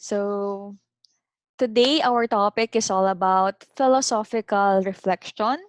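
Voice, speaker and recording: A woman's voice: mid-range voice, fairly even intonation, a little slow, no echo. A woman teaching an online philosophy class, explaining step by step and checking in with "okay?".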